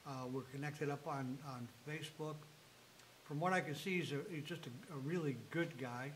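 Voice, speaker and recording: A male host of a talk show who speaks in a friendly, rambling and halting way while interviewing a guest. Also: fairly high pitch, slight background noise, poor audio.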